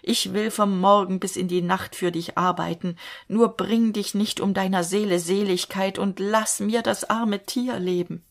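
A woman's voice: mid-range voice, fairly even intonation, measured pace, hardly any pauses, natural voice. A woman voicing a desperate young male fisherman who begs his friend in anguish. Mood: resolute. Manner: anguished, imploring.

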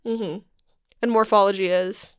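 A young woman co-hosting a casual podcast, curious and quick to ask questions and laugh along. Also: medium pitch, fairly even intonation, clean tone, no room sound, clean studio sound. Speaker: podcast co-host asking questions. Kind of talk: casual chat.

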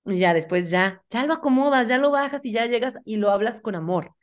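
Young woman, Mexican accent, animated guest in a casual talk, acts out dialogue. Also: a little high, fairly quick. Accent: Mexican Spanish. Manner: animated, acts out quoted dialogue, frank and slangy. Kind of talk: casual chat.

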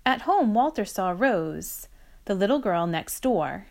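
Female storyteller, unhurried read-aloud, very lively pitch, children's book. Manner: slow, expressive read-aloud delivery.

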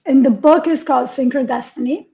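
A woman's voice: sits high, a little fast, dark tone. A woman raised in Italy, co-hosting a casual talk show and speaking earnestly and reflectively. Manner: earnest, reflective, laughs easily. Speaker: co-host, life coach. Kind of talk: casual podcast chat. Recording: dull lo-fi sound.

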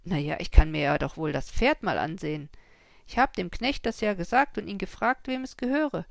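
A woman voicing a sly, smooth-talking horse dealer in a storybook reading. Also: on the low side, moderate pace, no room sound, studio quality. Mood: wheedling.

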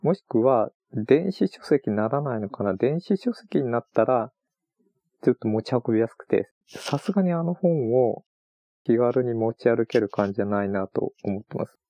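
A man chatting on his own about books he read on a trip, rambling and relaxed with many fillers. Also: mid-range voice, normal speed, dry recording. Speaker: podcast host. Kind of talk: casual solo talk about books.

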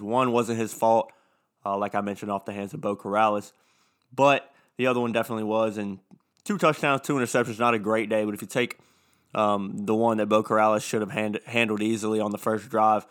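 A man's voice: on the low side, a bit bright. A man in his twenties with a lisp from new braces, hosting a casual solo sports podcast. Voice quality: lisp from new dental braces, like wearing a retainer.

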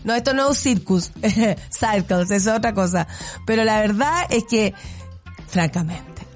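A woman's voice: on the high side, lively intonation, moderate pace, faint music behind. A woman with a Chilean accent hosting a radio show, giving blunt, sarcastic commentary and laughing often. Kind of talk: casual opinionated radio commentary.

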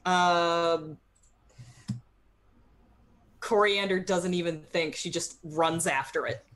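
A woman casually describing her character's actions in a tabletop game, halting as she searches for words. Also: fairly low pitch, steady tone, fairly bright tone.

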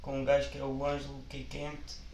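A young man, chatting casually as an interview guest in slangy, halting phrases. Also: medium pitch, monotone, creaky, a little mellow. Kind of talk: casual chat. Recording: echoey room with faint noise.

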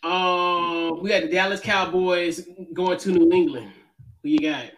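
Guy with a high voice hosting a sports podcast, laid back, lots of ums. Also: steady tone, a little slow, a bit bright. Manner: easygoing, loose, many fillers and restarts. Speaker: podcast host. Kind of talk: casual sports picks chat.

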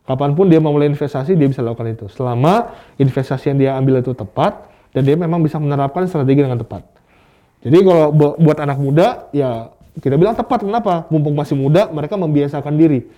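On a muffled recording, a stock market investing expert talks fast as a guest in a relaxed interview. His voice is a little high and mellow, and he leans on rhetorical questions and examples to explain.

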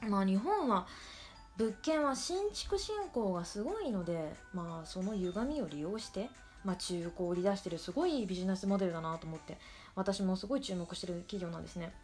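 A woman's voice: mid-range voice, lively intonation, a little fast, a little mellow, faint music behind. A woman podcast host with a cute, girlish anime-style voice, talking casually and rambling in a playful, self-deprecating way. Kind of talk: casual solo podcast talk.

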